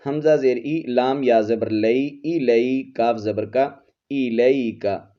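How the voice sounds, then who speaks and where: A man's voice: medium pitch, slow, dark tone. A man teaching Quran recitation, patiently spelling out each letter and vowel before blending the word. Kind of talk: slow letter-by-letter recitation lesson. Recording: slightly dull lo-fi audio.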